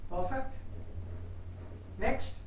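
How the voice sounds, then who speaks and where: A woman teaching German online, encouraging students and calling on them one by one. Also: extremely slow. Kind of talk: online class, mixing German, English and Hindi. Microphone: video call. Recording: echoey, distant video-call audio with faint noise.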